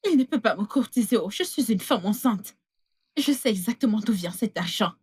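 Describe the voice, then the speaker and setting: A woman voicing a scheming pregnant young woman in a dubbed film, with a husky voice. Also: mid-range voice, lively intonation, normal speed, a little mellow, dry recording, studio quality.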